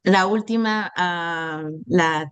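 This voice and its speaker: A woman with a foreign accent in French, a native Spanish speaker, speaking haltingly and searching for words in an informal announcement. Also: fairly low pitch, fairly bright tone, smooth. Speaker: meeting participant. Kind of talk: casual video-call announcement.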